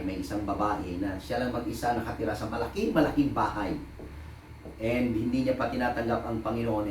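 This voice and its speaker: A man's voice: medium pitch, a little hiss or hum. A man preaching a sermon as pastor, telling stories and mixing Tagalog and English, often laughing at his own anecdotes. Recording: echoey room, voice from a distance.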